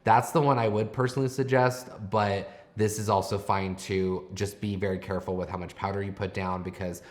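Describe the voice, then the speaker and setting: A man's voice: fairly low pitch, steady tone, brisk. A man giving explanatory makeup commentary as a host, advising in a conversational tutorial style.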